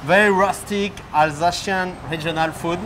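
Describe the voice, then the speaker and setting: A man's voice: sits high, fairly even intonation, moderate pace, noisy background. A man with a French accent, a chef hosting a food tour, speaking through a face mask in an upbeat, enthusiastic way. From France. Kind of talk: casual food tour chat. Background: loud music.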